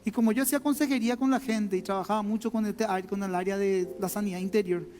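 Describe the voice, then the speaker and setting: A man's voice: high-pitched, fairly even intonation, fast talker, a little mellow. A man with a Paraguayan Spanish accent, a pastor giving a conversational sermon full of personal stories, often repeating his words and speaking straight to the congregation. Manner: conversational, repeats words, addresses listeners directly. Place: church sanctuary. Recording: long hall reverb, faint music.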